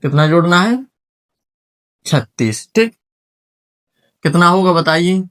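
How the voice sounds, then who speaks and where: A man's voice: sits high, animated, slow pace, a bit bright. A man teaching a classroom lesson at a whiteboard, sounding out syllables one by one and quizzing his students.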